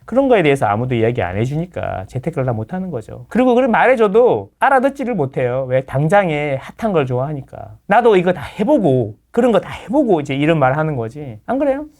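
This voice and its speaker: A man who is a real estate lecturer, talking as a guest in a casual interview, lecturing with playful impressions of others and quick tag questions. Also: on the high side, big pitch swings, darkish tone. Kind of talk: casual talk-show interview.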